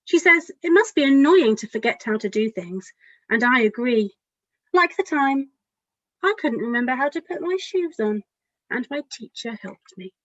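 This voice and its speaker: A children's author with a fairly high voice reads a picture book aloud for young kids, expressive and addressing her listeners directly in storytime fashion. She reads at a moderate pace. The audio is dry and slightly dull, with no room sound.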